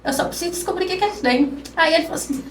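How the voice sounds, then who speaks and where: A woman guest on a podcast telling an emotional personal story, acting out the dialogue in soft-spoken speech. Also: extremely high pitch, rapid-fire. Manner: acts out quoted dialogue, speaks softly. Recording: roomy, distant mic with faint noise.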